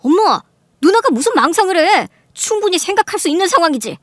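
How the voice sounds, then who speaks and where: An actor playing a protective younger brother who pleads for calm and defends his sister in a radio drama. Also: very high voice, quick pace, dry recording, studio quality, full character voice. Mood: indignant. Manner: pleading, indignant.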